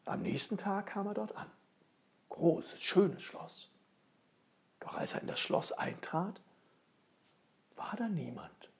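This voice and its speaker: Slow, gravelly woman storyteller. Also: mid-range voice, lively intonation. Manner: slow, dropping to whispers for suspense. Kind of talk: fairy tale storytelling.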